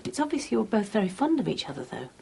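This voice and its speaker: A woman confidante in a soap drama, tactful yet nosy. She speaks naturally in a soft-edged, dark tone, probing gently. There is faint noise behind her. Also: medium pitch, big pitch swings, quick pace, gravelly.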